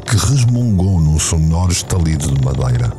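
Deep mellow guy narrating a dark story, slow and dramatic, faint music under it. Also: big pitch swings. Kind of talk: scripted narration of a novel.

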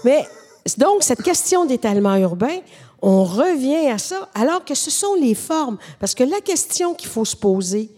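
A middle-aged woman with a Québécois French accent, explaining urban planning in a measured, professorial way as a podcast guest. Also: high-pitched, very animated, dark tone, long reverb tail. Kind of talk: podcast conversation.

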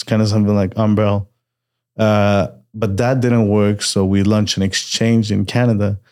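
A low-voiced man from Peru, raised in Montreal, talks through his background as a guest in a car. His telling is steady but full of small hesitations and restarts. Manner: steady storytelling with frequent hesitations. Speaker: podcast guest, entrepreneur. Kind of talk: casual chat.

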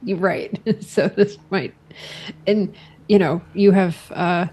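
A woman with a husky voice chatting casually as a player in a tabletop game. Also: mid-range voice, steady tone, slow pace, a little mellow.

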